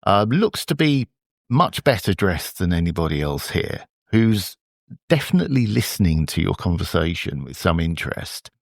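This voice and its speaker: A man narrating as game master of a tabletop game, halting and full of restarts. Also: low-pitched, very animated, vocal fry, no echo, studio quality.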